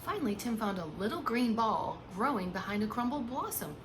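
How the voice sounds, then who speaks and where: A pre-K teacher, a woman whose voice sits on the high side, reads a picture book aloud a little fast with expressive, hushed emphasis. She adds simple asides, explanations, and questions for small children, and the background is noisy.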